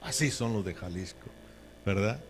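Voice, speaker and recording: A man's voice: fairly low pitch, moderate pace, slight background noise. A man preaching a sermon in a folksy, joking way, often checking in with his listeners. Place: church.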